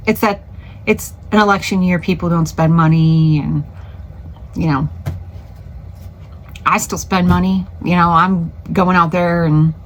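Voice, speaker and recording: A middle-aged woman with a notably low voice talks through her week in a casual vlog. She rambles in a relaxed way, full of "um"s and restarted sentences, while working in her home craft studio. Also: slight background noise. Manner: rambling, many fillers and restarts, chatty. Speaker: small craft business owner.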